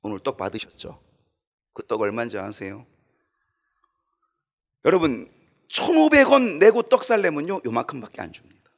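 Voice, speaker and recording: A man preaching a Sunday sermon as pastor, with animated delivery that swings from loud to hushed. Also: fairly high pitch, normal speed, long pauses. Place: church sanctuary.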